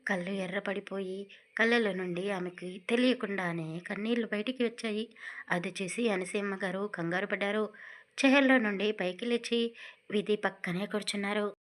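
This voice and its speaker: A woman narrating a romance audio story in a steady, even reading. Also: medium pitch, moderate pace.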